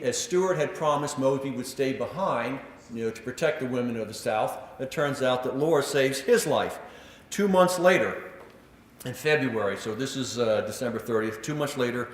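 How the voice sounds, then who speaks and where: A man giving a public history lecture, telling stories with animated delivery and acting out quotes, with frequent filler words. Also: mid-range voice. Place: lecture room. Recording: echoey lecture hall.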